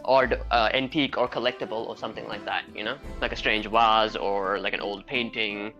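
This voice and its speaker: A man's voice: on the low side, fairly even intonation, brisk, bright, forceful tone, lo-fi sound, faint music behind. A man giving casual, playful commentary while streaming a game. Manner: playful, chatty.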